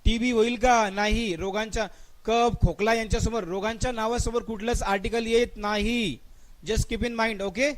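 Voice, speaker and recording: Marathi-accented guy teaching english grammar on a live stream, high voice, keeps asking the class and saying hurry up. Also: steady tone. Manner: urges students to answer fast, drawls example sentences slowly. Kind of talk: live online exam-prep class.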